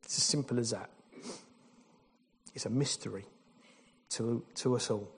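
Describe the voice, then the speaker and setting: A man's voice: mid-range voice, unhurried, breathy edge. A man preaching an informal, jokey sermon at a baptism service in church, with fillers and restarts. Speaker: pastor.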